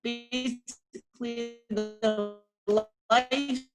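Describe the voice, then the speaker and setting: A woman's voice: a little high, steady tone, extremely slow, over music. A woman asking a question over a video call whose audio keeps glitching and breaking up; she speaks hesitantly and apologetically, with many restarts. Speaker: audience member asking a question.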